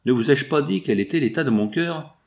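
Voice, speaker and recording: A man's voice: a little high, lively intonation, brisk, gravelly, darkish tone, voice pushed up. Man reading as a torn young fiancé. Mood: anguished. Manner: earnest and anguished.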